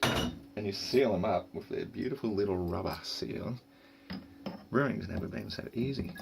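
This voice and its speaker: Aussie bloke drunk rambling to camera, low croaky voice, really noisy recording. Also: male voice, moderate pace. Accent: Australian. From Australia. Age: middle-aged. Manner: drunken, rambling, crude and jokey. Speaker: vlogger and home brewer. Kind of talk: casual rambling monologue. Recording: noisy home recording with clicks.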